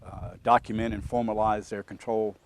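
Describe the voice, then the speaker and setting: A man who trains auditors, telling a work anecdote in an animated, casual storytelling way. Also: on the low side, normal speed, noisy background. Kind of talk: storytelling talk.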